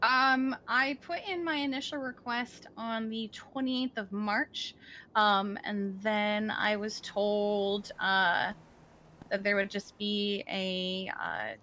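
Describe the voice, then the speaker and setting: A woman's voice: medium pitch, steady tone, slow, sharp tone, slight background noise. Woman streamer rambling with many ums. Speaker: roleplay EMS command player. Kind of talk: in-character roleplay chat.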